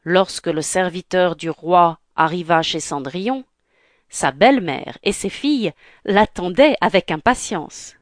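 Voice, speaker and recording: Slow, calm woman storyteller. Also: lowish voice, no echo, studio quality. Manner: calm, clear, unhurried. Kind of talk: storybook read-aloud.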